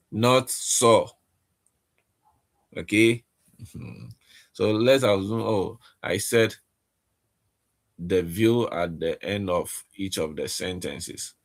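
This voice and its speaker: A man gives a casual online language lesson at an unhurried, slow pace, his low voice gravelly with fry. He talks in halting bits and keeps checking in with his students. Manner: halting, repeats "okay?" to check understanding. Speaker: language teacher.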